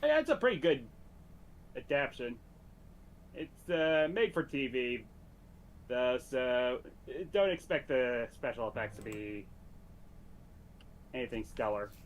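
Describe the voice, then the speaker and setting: A man's voice: mid-range voice, big pitch swings, a little slow, long pauses, a little hiss or hum. A man chatting casually on a reaction show, making dry, offhand remarks. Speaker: co-host.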